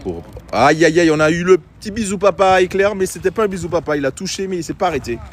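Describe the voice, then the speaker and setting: A man with a high, lively voice talks quickly as he gives chatty live commentary on an outdoor pétanque game. He speaks straight to his viewers, with faint street noise in the background.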